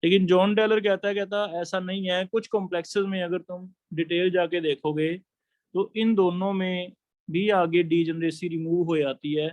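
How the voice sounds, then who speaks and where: Man lecturing a chemistry class, high voice, dry close sound, explains step by step. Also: steady tone, normal speed, darkish tone, no room sound. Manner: explains step by step, asks students questions. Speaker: chemistry teacher.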